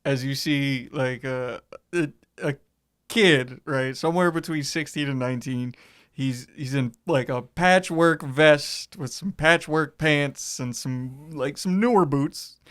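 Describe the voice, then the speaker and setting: A man playing a tabletop game, describing his character casually and haltingly. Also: on the high side, a bit bright.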